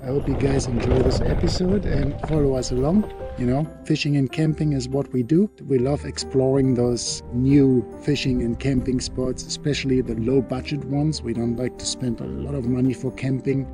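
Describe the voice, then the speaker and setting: Casual man in his thirties, gravelly voice, chatty outdoor fishing vlog on an action cam, music underneath. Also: mid-range voice, normal speed, hardly any pauses. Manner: relaxed, chatty, unsure asides. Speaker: fishing vlogger. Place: outdoors by a lake and in a camper van.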